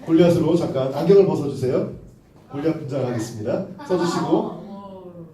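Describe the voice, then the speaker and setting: A man's voice: fairly high pitch, a little fast, recorded from a distance, crowd noise. A man teaching Sunday school, telling a Bible story playfully and directing children who act it out. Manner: playful, animated, directs children on stage, laughs often. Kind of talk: children's sermon with acted story. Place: church room with children. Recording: echoey room, mic from afar, children behind.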